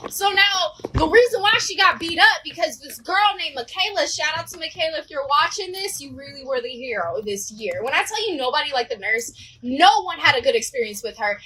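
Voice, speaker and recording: A young woman tells a storytime vlog in an animated, slangy way, swearing and addressing her viewers directly. Her voice is very high and bright. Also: fairly quick, slight background noise, low-quality recording. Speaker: vlogger.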